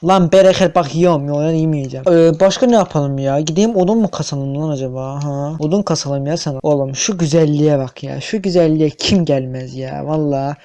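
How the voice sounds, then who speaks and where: Young guy talking over his game, kinda high voice, mellow, chatty, stumbles and hums a lot. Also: brisk, few pauses. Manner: chatty, swears, hums and stammers. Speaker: gaming youtuber. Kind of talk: casual gameplay commentary.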